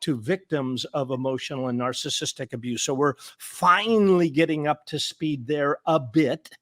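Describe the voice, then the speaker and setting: Earnest male therapist guest, emphatic and repetitive, stammering restarts, slightly high voice, dry close sound. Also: moderate pace, no echo. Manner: earnest and emphatic, repeats words for stress. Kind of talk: conversational interview.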